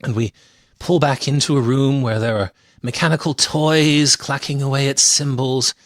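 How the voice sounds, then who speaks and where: A man hosting a film podcast, recapping scenes in a lively storytelling way and laughing now and then. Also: medium pitch, moderate pace, no echo, clean studio sound. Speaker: podcast host. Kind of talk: casual film review chat.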